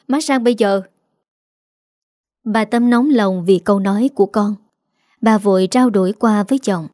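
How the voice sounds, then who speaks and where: A woman narrating a scripted family story in an even storytelling manner. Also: mid-range voice, no echo, studio quality.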